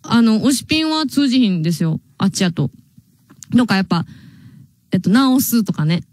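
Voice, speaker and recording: A woman's voice: a little high, very animated, brisk, darkish tone, dry recording. A young woman with a Kansai accent, hosting a radio show and chatting casually, reading listener mail and laughing often. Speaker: radio host. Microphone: studio microphone.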